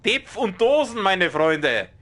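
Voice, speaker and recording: A young Bavarian man streams a game with a loud, strong voice that can sound like shouting even in normal talk. His pitch sits a little high and swings around a lot, with a bright, forceful edge. He is excitable and quick to swear at the game. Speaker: let's play streamer. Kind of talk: live game commentary.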